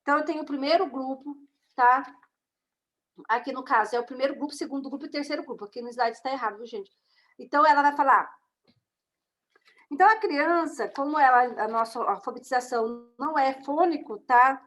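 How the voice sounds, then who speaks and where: Brief: high-pitched Brazilian woman, casual teacher explaining a test over slides, keeps asking the class "right?". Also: fairly quick, fairly bright tone. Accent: Brazilian Portuguese. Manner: conversational, with frequent tag questions to the class. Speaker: teacher of a course on reading and writing assessment. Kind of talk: online lecture walking through slides.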